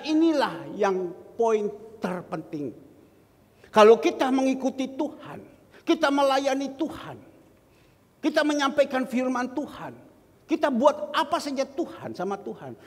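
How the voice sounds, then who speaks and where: A man preaching a sermon as pastor, speaking straight to his congregation and reading scripture verses slowly. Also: very high-pitched, husky. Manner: addresses the congregation directly, quotes scripture slowly. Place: church hall. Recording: long church hall reverb.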